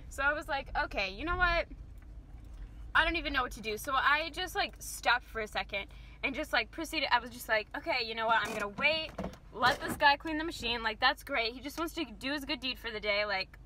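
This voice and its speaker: A woman's voice: sits high, pushed and bright, poor audio. A young woman vlogging from inside her car at night, telling rambling stories in a chatty way full of fillers and asides. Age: young adult. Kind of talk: casual storytelling vlog. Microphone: phone camera mounted near the steering wheel. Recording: road and street noise behind the voice.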